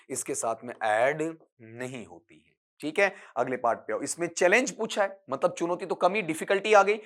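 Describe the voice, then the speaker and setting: A man with a slightly high voice gives an online exam-prep lecture, reading English answer options slowly before explaining them at length in Hindi. Throughout, he keeps posing questions to his listeners and answering them himself.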